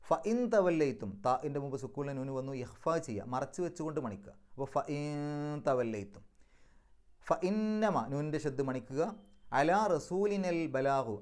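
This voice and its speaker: A man explaining Quran recitation rules, going step by step and chanting the Arabic words slower and louder. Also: medium pitch. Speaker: Quran teacher.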